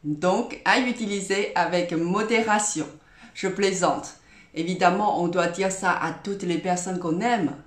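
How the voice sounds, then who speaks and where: A woman teacher speaks at a slow, deliberate pace. She sounds out each word with care and repeats it for her learners. Her voice rings in a roomy, echoing space. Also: fairly low pitch. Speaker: Chinese teacher. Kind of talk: online language lesson. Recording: roomy echo.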